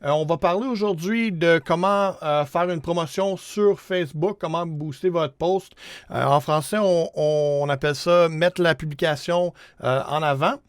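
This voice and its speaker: A man's voice: on the high side, unhurried, clear, resonant tone, no echo, clean studio sound. A man in his thirties with a Quebec French accent, hosting a casual screen-share tutorial in an informal, hesitant way with English words mixed in. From Canada. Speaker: music promotion tutorial host.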